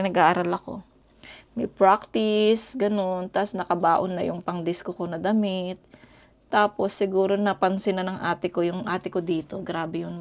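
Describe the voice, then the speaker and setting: A middle-aged woman from the Philippines, chatting casually and rambling to her viewers as she tells stories at home. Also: lowish voice. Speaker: vlogger. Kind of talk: casual storytelling chat to viewers. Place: home in Korea.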